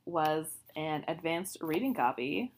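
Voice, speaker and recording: Low-pitched chatty woman podcast co-host. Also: lively intonation, takes it slowly. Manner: chatty, laughs often, trails off mid-sentence. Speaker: writer. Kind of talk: casual chat.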